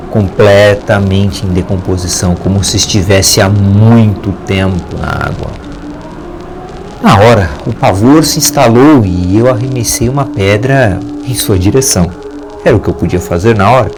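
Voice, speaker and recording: Man, low voice, dramatic horror storytelling, faint music behind. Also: unhurried. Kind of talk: scripted first-person horror narration.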